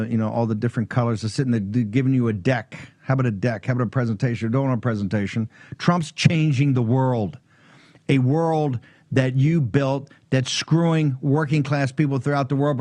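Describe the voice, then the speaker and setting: A man's voice: mid-range voice, darkish tone, no echo. A man hosting a political talk show, delivering a fiery, blunt monologue with sarcasm and swearing.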